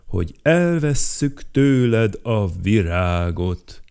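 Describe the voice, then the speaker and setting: Man voicing a stern creature, storybook, gruff, loud, gravelly. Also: on the low side, very animated. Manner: gruff, firm and emphatic.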